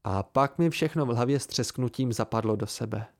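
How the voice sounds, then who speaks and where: A man reading a novel aloud in the first person with a measured, even delivery, recorded at home close to the mic. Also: mid-range voice. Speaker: amateur audiobook reader. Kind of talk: first-person audiobook narration.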